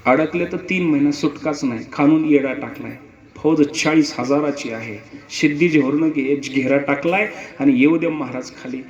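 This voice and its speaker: A man's voice: fairly high pitch, moderate pace. A man telling a dramatic historical story emphatically, with repeated lines and rhetorical questions. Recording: echoey, muffled hall recording.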